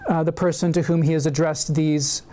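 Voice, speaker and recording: A male university lecturer reads aloud from a prepared paper as if addressing a seminar room. His voice is fairly high, level, and warm, and his delivery is measured and deliberate, with an occasional filler between clauses.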